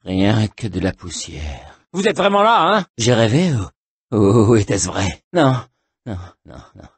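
An actor voicing a paranoid, volatile burned male splicer in a video game, with a raspy voice that swings from ranting shouts to muttering. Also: fairly low pitch, big pitch swings, measured pace, no room sound, heavily acted. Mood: jittery paranoia. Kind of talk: game voice acting.

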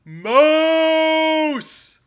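A man doing a pompous, booming storybook bear. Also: sing-song, takes it slowly, bright, forceful tone, heavily acted. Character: gruff pompous male bear, secretly kind. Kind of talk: storybook reading for children.

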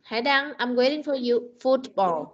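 A woman English teacher with a Vietnamese accent, running an online class and drilling pronunciation with slow, patient corrections. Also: high-pitched, lively intonation, slight background noise. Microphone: computer mic on video call. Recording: dull lo-fi video call audio.

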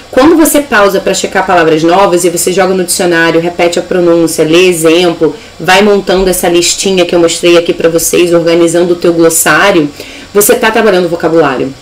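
A woman's voice: medium pitch, rough recording. A woman with a Brazilian Portuguese accent teaching a live online English lesson, upbeat and explaining step by step.

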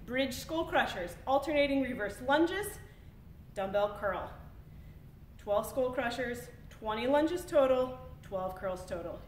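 Woman fitness instructor, high voice, steady workout cues, distant mic with a faint rumble behind. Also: roomy sound. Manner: clear step-by-step cueing. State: slightly out of breath.

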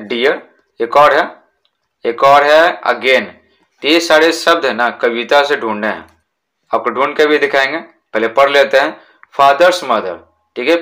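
A man with a bright, forceful voice explains a lesson in Hindi. He reads words slowly, asks the class questions and answers them himself. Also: medium pitch. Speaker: teacher.

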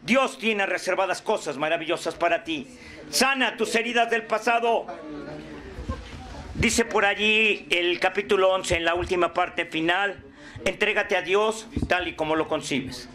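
A middle-aged man with a Mexican accent giving an impassioned, profanity-laced motivational talk at a recovery group, bursting into shouts. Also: high-pitched, a little slow. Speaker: speaker at a recovery group program.

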